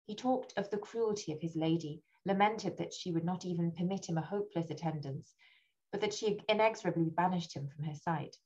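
A woman, a literary scholar, reading a gothic essay aloud in a steady, deliberate way with an occasional slip and restart. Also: lowish voice, highs cut off.

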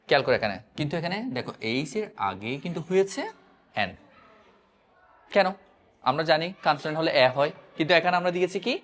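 A man's voice: fairly high pitch, a bit bright. A man teaching an English grammar lesson, repeatedly asking his students questions and drilling the answers. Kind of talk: classroom-style grammar lesson.

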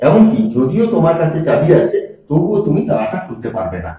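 A man teaching a grammar lesson, explaining slowly and repeating each example sentence. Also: fairly high pitch, big pitch swings, dark tone. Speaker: English teacher. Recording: very echoey room.

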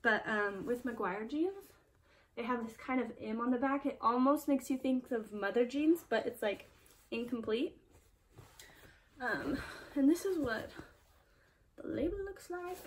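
A woman's voice: fairly high pitch, far from the mic, slight background noise. A young woman chatting casually through a thrift haul video, enthusiastic and full of fillers. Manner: chatty, filler-heavy, enthusiastic about finds. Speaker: thrift reseller vlogger.

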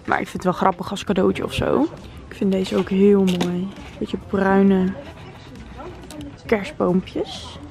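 A woman's voice: mid-range voice, little pitch movement, slow, gravelly. Chatty young woman vlogging while shopping. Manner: chatty, enthusiastic, asks viewers questions. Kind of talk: casual shopping vlog chat. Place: home living room, then inside a store.

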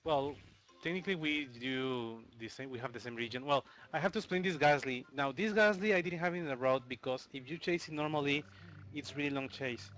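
In a low-quality recording, a man from Mexico chats loosely through a speedrun while he plays it, filling gaps with fillers. He has a Mexican accent and a medium-pitched, a bit bright voice, going a little fast.

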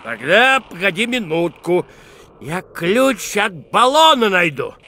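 A man playing a jovial, grateful geologist in an animated adventure game, in a theatrical, exclamatory way. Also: high voice, slow, exaggerated voice. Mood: friendly.

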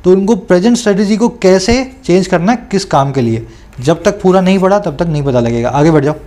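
A man coaching students through an exam paper, reading English questions out slowly and explaining them, often checking that they follow. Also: sits high, expressive, dark tone. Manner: reads English questions aloud slowly, then explains in Hindi.

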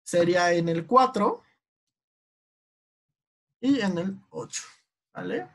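Slow, patient Mexican woman teaching online. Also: on the low side, lively intonation. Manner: slow, patient, checks in with "ok?" often. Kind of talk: online class, explaining poetry meter.

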